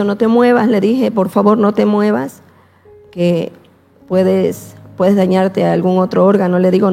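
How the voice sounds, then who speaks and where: Woman, emotional testimony, slow and repetitive, long hall reverb, faint music behind. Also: medium pitch, gravelly, mellow. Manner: slow, repeating herself, quoting prayers. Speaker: guest telling her testimony.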